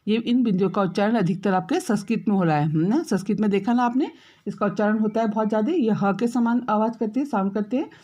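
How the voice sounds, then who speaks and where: A woman teaching a school grammar lesson, explaining step by step, checking in often with her pupils and drawing out example words slowly. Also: medium pitch, mellow, highs cut off. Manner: drawn-out, slowed example words.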